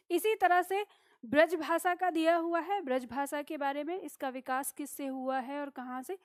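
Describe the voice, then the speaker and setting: Female teacher, high dry voice, patient explanatory lecture delivery. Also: measured pace, dry recording. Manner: explanatory, repeats key points with "ठीक है?". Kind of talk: classroom lecture.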